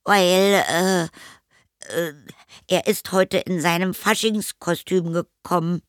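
A man's voice: sits high, fairly even intonation, slow, no room sound, clean studio sound, voice pushed up. A man reading an audiobook and voicing a nervous young boy who stammers out excuses. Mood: flustered. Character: young boy, flustered and evasive. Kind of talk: audiobook character voice.

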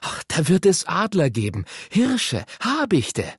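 An eager eldest boy from a storybook speaks confidently and brightly, pitched well above a man's own voice. The delivery bounces with enthusiasm, husky in texture, close and dry. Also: very animated, normal speed, no echo, heavily acted. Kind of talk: audiobook reading.

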